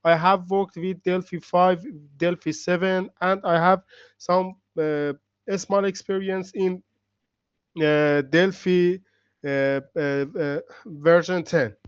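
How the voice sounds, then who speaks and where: A man's voice: high-pitched, fairly even intonation, slow, clear, resonant tone, no room sound, muffled recording. A man introducing himself on a class call, careful and hesitant with many fillers. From Iran. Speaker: student participant.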